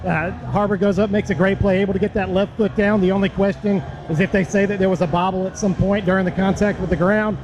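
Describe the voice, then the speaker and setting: High, even-pitched male sideline reporter. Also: fast talker, hardly any pauses. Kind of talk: live radio sideline report. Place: outdoors on a stadium sideline. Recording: dull, noisy field-side broadcast feed. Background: clear background noise.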